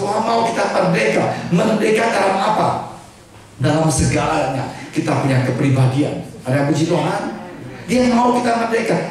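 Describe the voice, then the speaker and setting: An older man preaching a lively, joking sermon to a church congregation, slipping in English and Chinese words. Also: high-pitched. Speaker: pastor. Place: church hall. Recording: echoey hall from far off with congregation. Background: congregation laughing.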